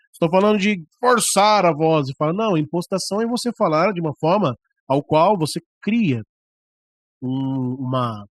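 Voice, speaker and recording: A man's voice: on the high side, dry recording. A man with a Brazilian Portuguese accent teaching preaching skills to church leaders. He talks in a conversational way and often shows the points with his own voice and the microphone on a stand. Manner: conversational, often demonstrating with voice and mic. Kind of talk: classroom lecture on preaching. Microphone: microphone on a stand, about ten centimeters away.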